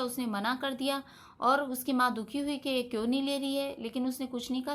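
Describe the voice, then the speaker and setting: A woman teacher giving an online English lesson, reading story lines slowly and translating them word by word. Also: high voice.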